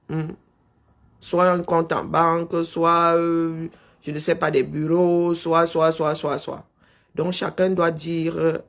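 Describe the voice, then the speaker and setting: A middle-aged man with a Cameroonian French accent hosting a political live stream, pressing his point with rhetorical questions and calling out punctuation as he speaks. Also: on the high side. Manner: insistent, rhetorical questions, dictates punctuation aloud.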